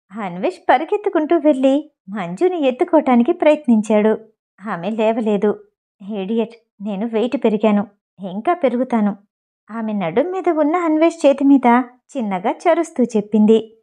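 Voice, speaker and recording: Female audiobook narrator, slightly high and warm, for a steady storytelling read. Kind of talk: storytelling narration with character dialogue.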